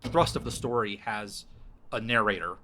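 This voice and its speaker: In an easygoing exchange, a man hosting a podcast runs story concepts past his co-hosts, thinking on his feet and restarting often. His pace is normal, his voice pushed and bright, and there's a faint hiss or hum in the audio.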